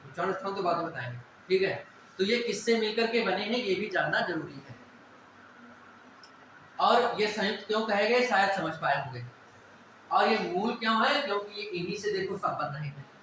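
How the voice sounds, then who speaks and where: A man's voice: high-pitched, lively intonation, normal speed, a bit bright, a little hiss or hum. A man teaching a Hindi grammar lesson, explaining step by step and often checking whether students follow. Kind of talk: classroom lecture on Hindi vowels. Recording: echoey room, voice from a distance.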